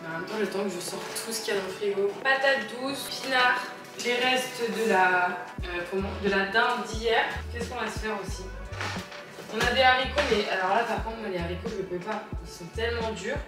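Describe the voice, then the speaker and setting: A young French woman in her twenties talks to the camera in a chatty, casual way and drops English words into her talk. Her voice sits at an ordinary pitch and is recorded on a handheld camera mic. The home room sounds roomy, with music playing clearly behind her. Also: a little fast. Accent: French (France). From France. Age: 20s. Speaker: vlogger. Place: home interior, kitchen.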